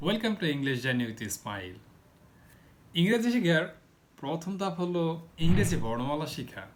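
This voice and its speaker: A man teaching the English alphabet to children, explaining each letter slowly and repeating words, with a Bangladeshi Bengali accent. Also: a little high, big pitch swings. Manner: slow, repetitive, step-by-step explaining.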